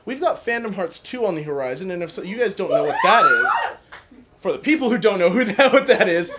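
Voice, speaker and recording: A man's voice: high-pitched, huge pitch swings, fairly quick, very noisy. A man giving a casual, jokey, rambling closing speech to an audience as the stage director of a show. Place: live venue with an audience.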